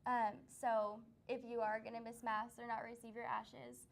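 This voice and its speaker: A woman's voice: a little high, flat delivery, normal speed, creaky. A young woman co-hosting a student talk show, chatting casually with many ums and easy laughs. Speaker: student producer and co-host. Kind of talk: casual interview chat.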